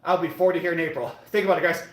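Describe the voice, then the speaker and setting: Chatting casually with livestream viewers as he exercises, an American fitness streamer in his late thirties keeps up a motivational, repetitive patter. His voice is on the high side, steady and fairly bright, and he talks rapid-fire. The indoor gym gives the audio an echo.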